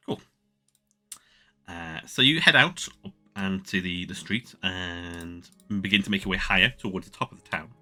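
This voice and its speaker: A man running a tabletop game as game master, chatty and halting, laughing often. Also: deep voice, bright, forceful tone, soft background music.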